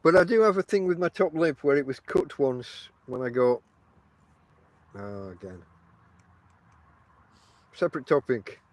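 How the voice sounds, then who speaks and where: With long pauses and a measured pace, this middle-aged podcast host speaks in a mid-range, darkish voice, recorded dry. He has no teeth and articulates with lips over gums, and his rambling, casual chat leans on wry self-deprecation.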